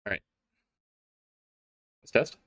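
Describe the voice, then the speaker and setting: A man's voice: slow, a bit bright. A man hosting an esports stream, chatting casually and wryly while sorting out audio problems. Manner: easygoing, wry. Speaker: esports tournament caster. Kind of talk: casual pre-show chat while fixing stream audio. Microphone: desk mic at a streaming setup.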